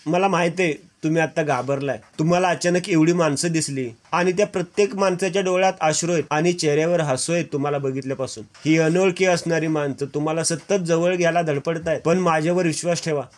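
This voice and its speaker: A man voicing a caring young woman who calms and reassures her relatives. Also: fairly high pitch, quick pace, few pauses, lightly acted. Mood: gentle. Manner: soft, pleading, reassuring. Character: gentle caring young woman soothing family.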